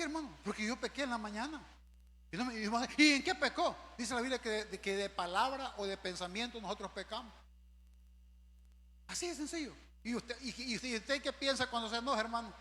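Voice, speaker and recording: A male pastor preaching an emphatic evangelical sermon, swinging between loud swells and low asides to the congregation. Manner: addresses the congregation often as brother. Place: church sanctuary. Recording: reverberant church hall, faint hum.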